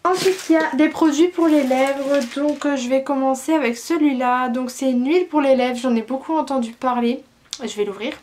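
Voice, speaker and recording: In a casual unboxing chat, a young woman from France, a beauty vlogger, eagerly goes through each product with lots of fillers. She speaks at normal speed in a high voice with a darkish tone.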